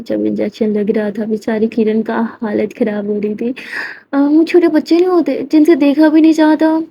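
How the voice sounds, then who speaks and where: A woman's voice: a little high, vocal fry, mellow, slightly rough, no echo, highs cut off. A woman telling a love story in a casual, chatty way, speaking to her listeners.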